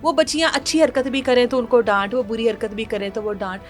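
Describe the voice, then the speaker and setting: A woman's voice: fairly high pitch, steady tone, soft background music. Indignant woman retelling a crime story. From Pakistan. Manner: indignant, moralizing, acts out quotes. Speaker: news show presenter.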